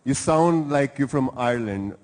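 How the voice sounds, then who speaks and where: A man from India hosts a live event in a large hall, chatting playfully and teasingly with audience guests in lively crowd interviews. His medium-pitched, slightly mellow voice is animated at normal speed, and the recording carries the venue's hall reverb.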